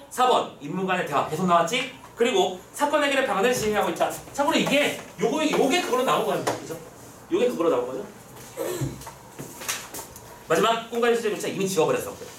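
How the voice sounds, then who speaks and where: A man's voice: sits high, a bit bright, echoey room, distant mic, slight background noise. A man giving an exam prep lecture as a teacher, playful and full of rhetorical questions.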